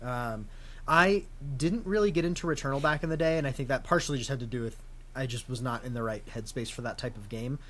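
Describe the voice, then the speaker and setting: A man's voice: mid-range voice, fast talker, fairly bright tone. A man in his thirties from the United States, co-hosting a casual gaming podcast with dry, self-deprecating humor. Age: 30s. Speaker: podcast co-host. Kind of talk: casual chat. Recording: faint background noise.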